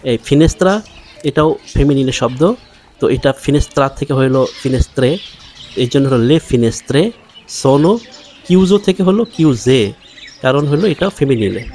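A man teaching a language lesson, explaining patiently and saying example sentences very slowly and deliberately. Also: medium pitch, lively intonation, darkish tone, slight background noise.

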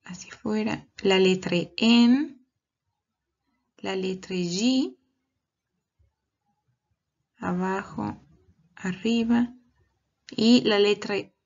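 Slow, patient woman teacher, lo-fi mic. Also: mid-range voice, creaky. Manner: slow, patient, step-by-step instructions. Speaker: kindergarten teacher. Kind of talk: bilingual recorded lesson for young children. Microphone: computer microphone.

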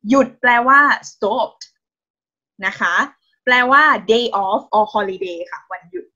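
A Thai-accented woman teaches an online Thai lesson over a video call, mixing Thai and English in a mid-range voice that is slow, pushed, bright, and a little rough. She is patient and encouraging, praising constantly and using polite particles. The recording sounds muffled.

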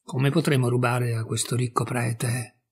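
A man's voice: mid-range voice, flat delivery, measured pace, husky. A man voicing a scheming male thief who mocks and plots, in a storybook reading. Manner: mocking, conspiratorial. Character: two scheming male thieves, mocking.

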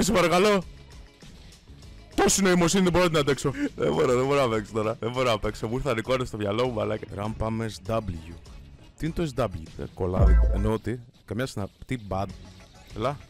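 A young man riffs through casual gameplay commentary, excitable and foul-mouthed, with sudden loud outbursts. His pitch leaps around animatedly at a middling register, and his voice sounds strained from shouting, over faint background music. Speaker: gamer streamer.

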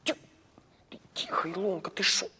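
A man playing a chatty, giggly middle-aged cleaning woman in a comedy sketch, in a shrill put-on female voice with mixed Ukrainian-Russian speech. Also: animated, brisk. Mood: gossipy. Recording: echoey room with faint noise.

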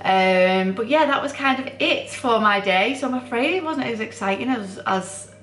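A woman's voice: fairly high pitch, animated, normal speed, fairly bright tone, reverberant, a little hiss or hum. A tired young woman, a student nurse, chatting at home in a rambling, self-deprecating vlog, with the camera set down nearby. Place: home, indoors.

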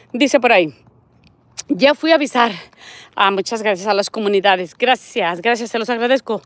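Outdoors on a residential desert street, a chatty Mexican woman hosts a casual live-stream walking vlog. Her voice sits a little high, and she reads viewer comments aloud while pointing things out.

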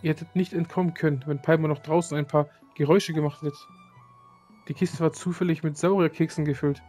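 A man's voice: on the high side, fairly even intonation, fairly quick, dark tone, soft background music, close to an everyday voice. A man reading aloud the lines of a small chatty female companion, with slips.

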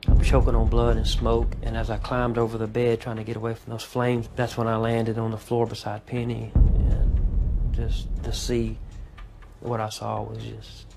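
A man recounting a night of personal tragedy as a talk show guest, speaking in a halting, quiet, haunted way. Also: mid-range voice, vocal fry. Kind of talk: personal testimony.

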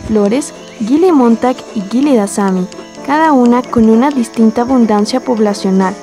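A woman playing an earnest, excitable male scientist on an old-time expedition, in a scripted, declaiming manner. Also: a little high, natural voice.

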